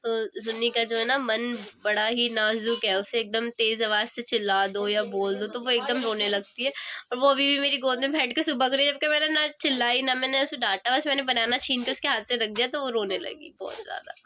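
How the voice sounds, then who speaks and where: A woman's voice: a little high, steady tone, a little fast, sharp tone, a little hiss or hum. A young woman chatting casually to her viewers in a family vlog, sounding sleepy and tired. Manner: chatty, addresses viewers as guys. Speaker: vlogger.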